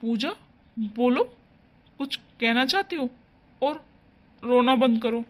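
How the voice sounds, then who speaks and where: A woman voicing a caring young husband in a cartoon story, speaking gently and reassuringly. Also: on the high side, slow pace.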